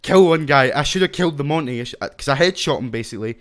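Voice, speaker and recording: A man hosting a casual gaming podcast who talks excitably, laughs often and swears. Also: medium pitch, very fast.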